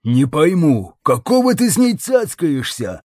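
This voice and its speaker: A man's voice: fairly high pitch, very animated, measured pace, darkish tone, dry recording, voice pushed up. Man voicing a thug, dim, angry, snarling, dry sound.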